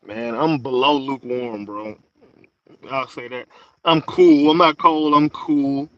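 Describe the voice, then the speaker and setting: A man co-hosting a casual sports podcast from Houston, talking in a laid-back, slangy way and often trailing off quietly. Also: mid-range voice, slow pace, no echo, lo-fi sound. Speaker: podcast co-host.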